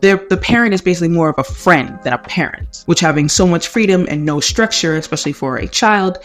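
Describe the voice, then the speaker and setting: A man's voice: fairly high pitch, a little fast, a bit bright, soft background music. A man giving casual, conversational video commentary, recorded on a headphone microphone in a bathroom. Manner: informal, conversational asides. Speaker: video host. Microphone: headphones used as a microphone.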